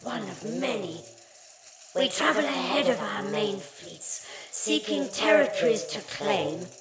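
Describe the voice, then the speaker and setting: A woman's voice: a little high, expressive, slow, roomy sound, loud music behind the voice. A woman voicing a sly, menacing alien creature made of energy, with a fizzing, hissing voice. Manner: silky, taunting.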